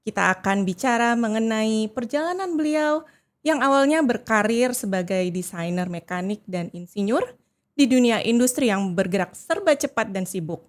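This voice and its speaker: Female podcast host, Indonesian native speaker; welcoming, prompts guests with soft questions. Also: a little high. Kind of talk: friendly interview hosting.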